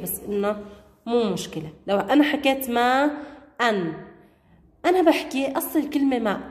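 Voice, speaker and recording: A woman's voice: medium pitch, a little mellow. A woman teacher with a Levantine Arabic accent who gives a patient grammar lesson, repeating key points and checking that the class understands. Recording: echoey room, long reverb.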